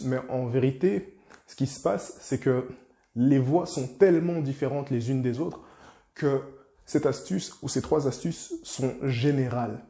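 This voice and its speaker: A man's voice: medium pitch, warm tone, roomy sound. A man talking as a life coach, chatty and direct, speaking to the viewer familiarly and often repeating himself. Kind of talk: casual motivational talk to camera.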